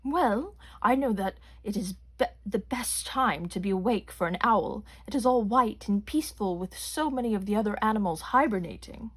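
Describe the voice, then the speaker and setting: A woman's voice: medium pitch, lively intonation, normal speed, few pauses, slightly rough. A woman voicing a sleepy, wise male owl in a read-aloud storybook. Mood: calm.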